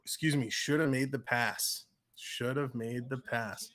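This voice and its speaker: His mid-range voice is a bit bright, with fairly even intonation and a measured pace. This Canadian-accented man from the Toronto area hosts a livestream with casual play-by-play, chatting with viewers, reading chat out loud and laughing easily.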